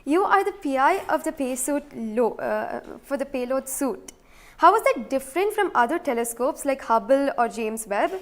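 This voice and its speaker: A woman's voice: sits high, big pitch swings, moderate pace. A woman host with an Indian English accent formally introducing guests and asking questions. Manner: formal, polite. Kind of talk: broadcast interview moderation.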